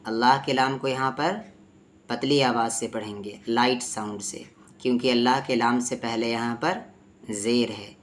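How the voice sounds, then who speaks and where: A man teaching tajweed. He explains letter sounds and recites slowly, phrase by phrase, for his student to repeat. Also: mid-range voice, fairly even intonation. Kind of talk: tajweed lesson with repeat-after-me drills.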